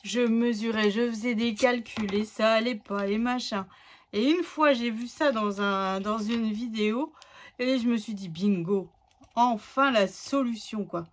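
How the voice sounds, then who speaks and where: Chatty woman crafting slowly. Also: on the high side. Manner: chatty, thinks aloud while working, many fillers. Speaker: scrapbooking tutorial host. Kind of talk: casual crafting tutorial.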